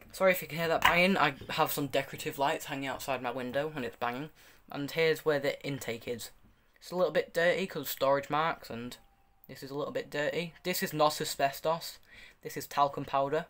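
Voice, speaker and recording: A man's voice: a little high, a bit bright, a little hiss or hum. A young man giving a casual, unscripted review, rambling and correcting himself as he demonstrates. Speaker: hobbyist video reviewer.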